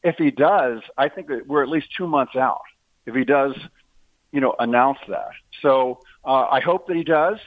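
Calling in by phone, a male guest argues politics in a casual talk-show chat. He's talkative and keeps reaching for sports comparisons. His voice is mid-range at a moderate pace, and the recording is dry.

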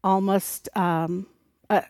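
A woman's voice: mid-range voice, level tone, takes it slowly, darkish tone, dry recording, clean studio sound. A woman from North Dakota with a slight, mixed North Dakota accent, speaking conversationally as a radio interview guest. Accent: North Dakota, mixed with other areas. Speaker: radio show guest, resource center director.

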